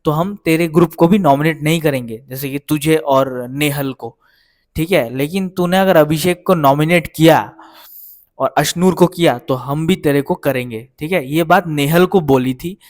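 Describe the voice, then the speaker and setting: A man recapping reality show events in casual, rambling speech, often pausing to check in with his listeners. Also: on the high side, no echo, clean studio sound. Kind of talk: casual spoken episode recap.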